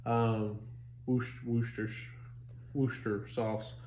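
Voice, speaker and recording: A man's voice: mid-range voice, flat delivery, slow pace, darkish tone, slight background noise. Guy in his 30s rambling about food at home into a phone, jokey, echoey room. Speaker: restaurant reviewer. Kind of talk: casual chat. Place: home living room, indoors. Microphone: phone camera on a stand. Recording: roomy echo.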